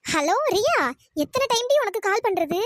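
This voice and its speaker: A woman's voice: very high voice, animated, moderate pace, dry recording, studio quality. A woman voicing a middle-aged aunt in a cartoon story, scolding harshly and throwing insults.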